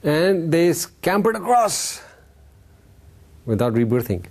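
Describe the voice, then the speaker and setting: A man with a slightly high, a little mellow voice gives an informal, playful Dharma talk as a spiritual teacher to a live group. He tells a story very animatedly but slowly, checking in with his listeners along the way.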